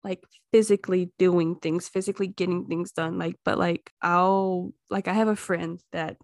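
Chatty woman with a low voice. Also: steady tone, normal speed, no room sound, studio quality. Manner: rambling, chatty storytelling. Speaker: guest, mother of two. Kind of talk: casual chat.

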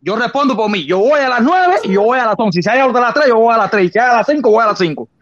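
A man's voice: very high voice, expressive, fast talker, muffled recording, over a noisy crowd. A man with a Cuban accent calling into a live stream, talking insistently and repeating his points. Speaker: caller. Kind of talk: heated live-stream debate.

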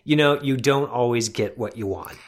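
A man hosting a film podcast, reading a measured, articulate review with the odd restart. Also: medium pitch. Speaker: podcast host.

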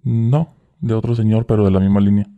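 A man's voice: lowish voice, steady tone, a little fast, phone-quality sound. A young man, a guest in a casual interview, telling his story in slang and acting out the dialogue. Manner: slangy, acts out quoted dialogue. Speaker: guest, former cartel worker.

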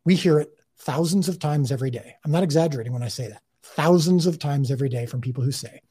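A man with a husky, slightly high voice talks earnestly as an interview guest. He often restarts and repeats words mid-thought. His tone is casual but careful. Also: fast, mellow. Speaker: creator of a faith-based TV series, interview guest.

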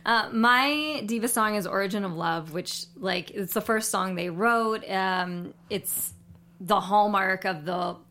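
Bright-voiced woman in casual chat. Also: medium pitch, slow, a little hiss or hum.

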